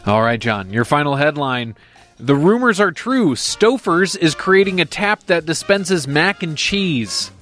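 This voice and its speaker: Higher-voiced man hosting a radio quiz. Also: animated, measured pace, fairly bright tone, soft background music. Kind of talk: upbeat game show reading of headlines.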